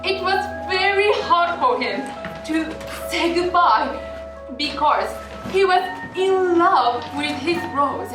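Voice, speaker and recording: A young woman narrating a student stage play in a slow, gentle storytelling manner. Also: extremely high pitch, expressive. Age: young adult. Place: theater stage. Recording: echoey hall from far off, with music. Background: music.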